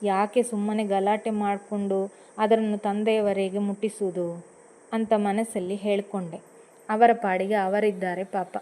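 A woman narrating her own first-person story in a measured, expressive way. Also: medium pitch.

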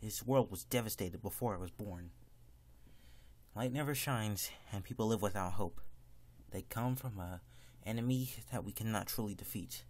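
A man's voice: lowish voice, moderate pace, darkish tone, lightly acted. Man acting out Silver the Hedgehog, defiant young hero. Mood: grave. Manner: dramatic, declamatory. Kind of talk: amateur video game character acting.

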